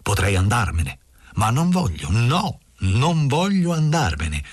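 Brief: tired cynical old headmaster, read by a male narrator, measured and paternal, dry sound. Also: mid-range voice, huge pitch swings, dry recording, heavily acted. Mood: weary, paternal. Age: older.

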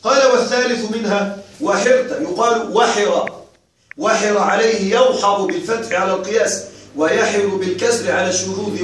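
A male teacher giving a classroom grammar lecture, repeating and drilling examples slowly and quizzing his students. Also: high voice, fairly bright tone, a little hiss or hum. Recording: very echoey room, mic far off.

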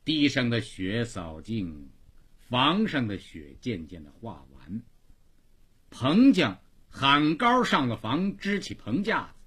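A man with a Beijing accent telling a long story for radio in a dramatic, expressive narrating style. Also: mid-range voice, husky.

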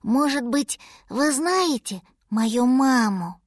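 A woman voicing a gentle, timid little male baby mammoth who lost his mother, in an audiobook fairy tale. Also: sits high, expressive, takes it slowly, dry recording, clean studio sound, pitched above the performer's own voice, full character voice. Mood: plaintive.

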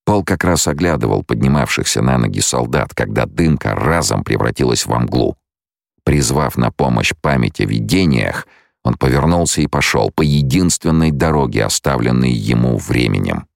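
A man narrates a novel in a measured storytelling way, his voice extremely deep and gravelly. His intonation moves a lot, and the recording is close and dry. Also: no room sound. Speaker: audiobook narrator. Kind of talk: scripted narration.

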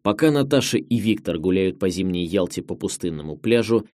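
Low, lively male audiobook narrator. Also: no room sound, clean studio sound. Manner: measured, expressive storytelling. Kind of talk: scripted memoir narration.

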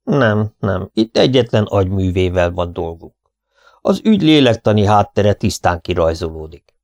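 A man's voice: sits low, sing-song, darkish tone. A man voicing a fussy, precise older male detective who explains things methodically in an audiobook reading. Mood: lecturing. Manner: measured, lecturing, methodical explanations.

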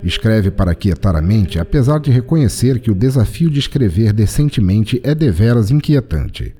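With music in the background, a Brazilian podcast host narrates short stories in a scripted, formal, literary manner. He speaks at normal speed in an animated voice on the low side, with a dark tone.

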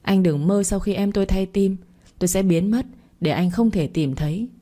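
A woman's voice: medium pitch, normal speed, warm tone, close to an everyday voice. A woman voicing a grieving young woman who speaks earnestly and pleads.

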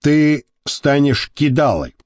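A man voicing a gruff older male prison boss who speaks slowly and lectures. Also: on the high side, big pitch swings, a little mellow, no echo. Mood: lecturing. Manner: slow, weighty, lecturing.

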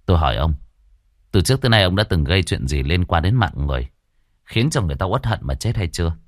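A stern exorcist master from a spoken fantasy tale, speaking in a low, firm, blunt voice, as a male narrator plays him. He questions people with commanding directness. The sound is dry and close. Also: animated, quick pace, no echo.

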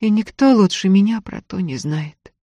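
A woman's voice: medium pitch, expressive, moderate pace, dark tone, husky, no room sound, voice pushed up. A woman voicing a tearful, self-blaming young peasant woman who talks in plaintive, folksy village speech. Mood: sad, pleading.

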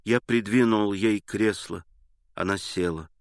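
A man reading a story aloud in measured, even scripted narration. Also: on the low side, no room sound, clean studio sound. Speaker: audiobook narrator.

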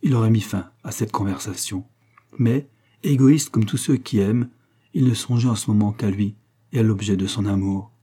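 A man narrating a novel as an audiobook reader, in a measured, literary reading style. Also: fairly low pitch, mellow, breathy edge.

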